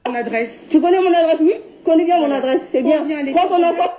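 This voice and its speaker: A woman putting on a curt, shrill lady with a heavy accent. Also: rapid-fire, warm tone, natural voice. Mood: insistent. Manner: clipped, insistent short commands.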